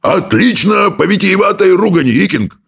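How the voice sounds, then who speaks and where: A man voicing a loud, bossy adult Viking teacher who roars his orders, in a rough, gravelly voice. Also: medium pitch, animated, unhurried, voice pushed up, heavily acted. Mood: booming. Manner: roaring, barking orders. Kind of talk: audiobook character voice.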